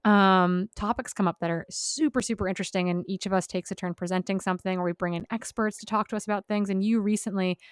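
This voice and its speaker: A woman's voice: medium pitch, fairly even intonation, fast, hardly any pauses, smooth, no room sound, studio quality. A young woman hosting a podcast interview, chatty and upbeat, peppering her talk with "like". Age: young adult. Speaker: podcast host. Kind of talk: casual interview chat.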